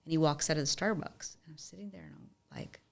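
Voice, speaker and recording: Woman, young adult, low voice, gravelly, animated storyteller, interview guest. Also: fast talker. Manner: animated storyteller, often says "like". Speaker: podcast guest, musician and entrepreneur.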